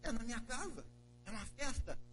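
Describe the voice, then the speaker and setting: A man's voice: very high voice, lively intonation, brisk, a little hiss or hum, voice pushed up. A man voicing a resentful older brother who complains and protests indignantly. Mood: puzzled.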